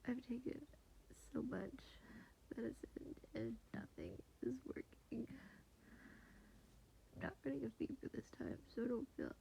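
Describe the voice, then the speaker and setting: A young woman whispers softly late at night, her voice stuffed up and nasal from a head cold. Her tone is high, with a gravelly fry running under the hush, and she speaks slowly and carefully. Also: huge pitch swings, slight background noise, rough recording. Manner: whispering quietly, sniffly and congested.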